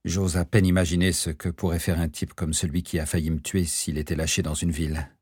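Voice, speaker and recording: A man reading an audiobook voices a male doctor who explains things in a calm, wry way. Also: low voice, a little fast, slightly rough, dry recording, clean studio sound. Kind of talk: audiobook character voice.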